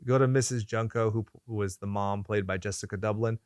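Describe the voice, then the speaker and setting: A man's voice: fairly low pitch, steady tone, quick pace, darkish tone, clean tone, no echo, clean studio sound. A man hosting a podcast in casual chat, riffing in crude joking rants full of swearing. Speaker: podcast host.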